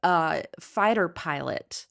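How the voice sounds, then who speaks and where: A middle-aged woman co-hosts a casual podcast chat. Her voice sits on the low side, and she gushes warmly over old-fashioned names. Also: lively intonation, takes it slowly, gravelly. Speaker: podcast co-host.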